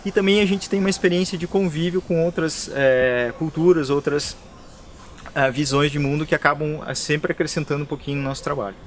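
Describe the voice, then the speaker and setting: Somewhat high and steady, this Brazilian man talks fairly quickly, with a little hiss or hum in the audio. He works at a conservation NGO's plant nursery and explains the job to an interviewer on site, with many fillers and restarts and a Brazilian Portuguese accent. The setting is a plant nursery and lab on rural land.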